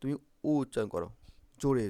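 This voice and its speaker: A man's voice: medium pitch, lively intonation, brisk, warm tone, no echo. A man teaching Bangla phonetics for exam prep, repeating vowel sounds and often checking if students follow.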